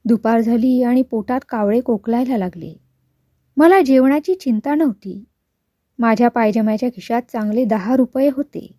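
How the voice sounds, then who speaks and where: A woman reading a story aloud, measured and expressive, into a close mic. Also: a little high, no room sound. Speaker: story reader.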